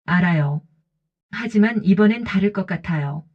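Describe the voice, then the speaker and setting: A woman voicing a gentle older man who speaks softly and politely, on a dull lo-fi recording. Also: medium pitch, expressive, moderate pace, breathy edge. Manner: soft, polite, reassuring. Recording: dull lo-fi audio.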